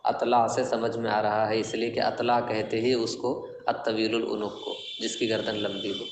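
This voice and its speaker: Low-voiced man teaching in an echoey room. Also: flat delivery, background noise. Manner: explains step by step, quizzing students with questions. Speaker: teacher of classical Arabic poetry. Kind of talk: classroom lecture explaining verses. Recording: echoey classroom with long reverb.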